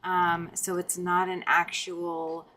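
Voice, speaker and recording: A woman hosting a relaxed late-night livestream, chatting casually, greeting viewers by name and laughing often. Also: lowish voice, slow pace, a little hiss or hum. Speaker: livestream host.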